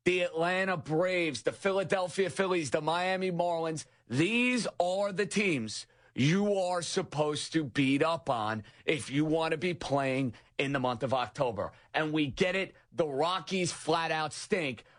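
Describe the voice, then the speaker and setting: A young man hosting an overnight sports talk radio show, delivering an energetic, emphatic monologue. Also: on the high side, measured pace, hardly any pauses.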